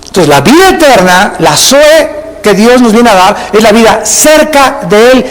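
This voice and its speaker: High-voiced male pastor, echoing church. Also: animated, measured pace. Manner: preaching with emphatic repetition, acting out churchgoers' lines. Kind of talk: sermon. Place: large church. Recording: long hall reverb.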